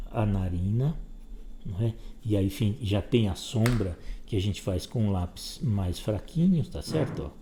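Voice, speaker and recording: A man's voice: lowish voice, dark tone, a little hiss or hum. A man teaching a step-by-step drawing lesson, giving patient instructions while he sketches.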